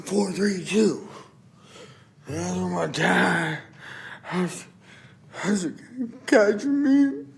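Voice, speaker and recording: A man giving unscripted personal testimony at a public meeting, halting and plain-spoken, with somewhat impaired articulation. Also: high voice, creaky, fairly bright tone. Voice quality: impaired articulation from a dislocated jaw. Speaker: public commenter. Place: council chamber at public microphone. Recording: faint background noise in meeting room.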